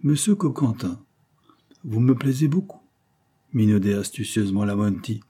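A man's voice: medium pitch, lively intonation, normal speed, dark tone, slightly rough. A man reading an audiobook, voicing a scheming, seductive adventuress who coaxes and wheedles. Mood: coaxing. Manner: coaxing, wheedling.

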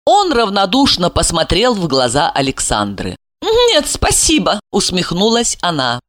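A woman reading audiobook narration in a theatrical, expressive way. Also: on the low side, moderate pace, dry recording, clean studio sound.

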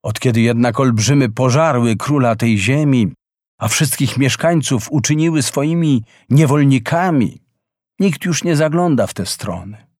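A wise, gentle mother frigate bird speaks with earnest calm in a storybook tale, as a man puts her on. The voice sits a touch higher than his plain reading and moves unhurried. The recording is close and dry. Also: no echo, lightly acted.

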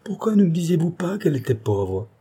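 A man's voice: medium pitch, a little fast, dark tone, slightly rough, lightly acted. A man voicing a simple-hearted young village man, plaintive, earnest and tearful. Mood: grieving.

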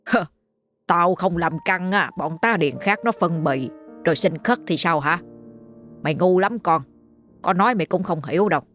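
Woman doing a gruff, scornful old-money landlord. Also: fairly low pitch, lively intonation, moderate pace, a bit bright, faint music behind. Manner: blunt, scolding, talks down to others. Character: rich stern middle-aged male landlord, gruff and scornful.

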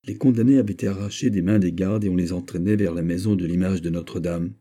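A man narrating a classic novel as an audiobook in a steady, measured reading. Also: sits low.

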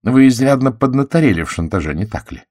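A man voicing a shrewd, courteous middle-aged detective who questions in a gentle, self-assured way, in an audiobook. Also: mid-range voice, expressive, quick pace, no room sound, studio quality, pitched above the performer's own voice, natural voice. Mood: probing. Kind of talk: audiobook character voice.

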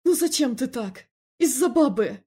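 A hot-tempered older brother in an audiobook shouts and scolds at full volume, as a woman voices him. The voice rises high and strains. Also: expressive, measured pace, slightly rough, full character voice. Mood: shouting.

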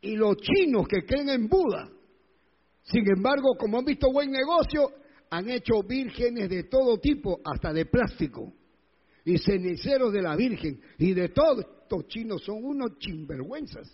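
A man's voice: high-pitched, animated, measured pace, husky, big-room sound, muffled recording. A male pastor preaching a sermon, retelling scripture and acting out the crowds, often questioning his congregation.

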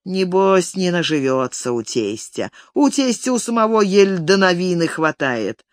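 A reader voicing an old male village elder who grovels and pleads with his master, raising the voice high and thin. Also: big pitch swings, normal speed, no echo, clean studio sound, lightly acted. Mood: pleading. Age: older. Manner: wheedling, tearful pleading. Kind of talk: audiobook character reading.

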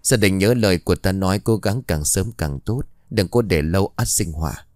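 A man's voice: sits low, normal speed, no echo, clean studio sound, natural voice. A man voicing a stern village ritual master giving a grave warning in an audio ghost story.

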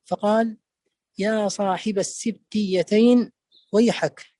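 A man with a high voice lectures on a classical poem. He is deliberate and repeats key words to drive each meaning home. The sound is dry and close, with no room echo. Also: fairly even intonation, warm tone. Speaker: teacher explaining a poem.

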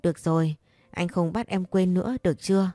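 A woman's voice: fairly low pitch, brisk, mellow, dry recording, lightly acted. A woman voicing a caring but pushy young man who scolds and coaxes a crying friend. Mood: coaxing. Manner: scolding yet tender, coaxing. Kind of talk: audiobook character reading.

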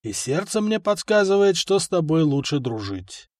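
A man's voice: fairly high pitch, sing-song, moderate pace, no room sound, clean studio sound. A man doing a cold, cunning merchant. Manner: icy, calculating.

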